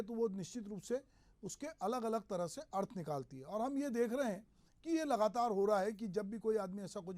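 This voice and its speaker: A man hosting a news show, giving measured, explanatory commentary on politics. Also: high voice, darkish tone. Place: regional news studio.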